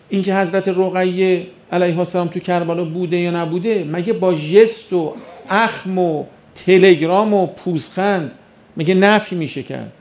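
A man's voice: high-pitched, darkish tone. A man preaching a sermon who keeps firing rhetorical questions at the audience and acts out the voices of imagined doubters. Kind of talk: religious sermon. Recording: dull lo-fi recording.

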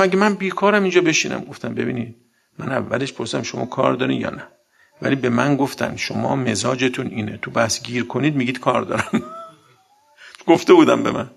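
A man giving a sermon, arguing with many rhetorical questions and reciting Quranic verses, swinging between loud outbursts and quiet asides. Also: mid-range voice, vocal fry, breathy edge. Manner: argumentative, full of rhetorical questions. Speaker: religious speaker.

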